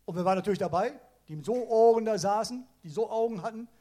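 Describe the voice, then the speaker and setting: Man, high husky voice, animated sermon, slangy storytelling. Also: fast talker. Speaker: preacher. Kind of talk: casual lively sermon.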